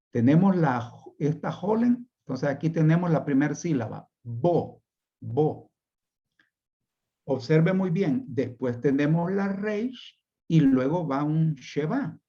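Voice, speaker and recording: Slow, patient male teacher, muffled audio. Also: on the high side, warm tone. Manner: slow, patient explaining with repetitions. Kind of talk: online class lecture.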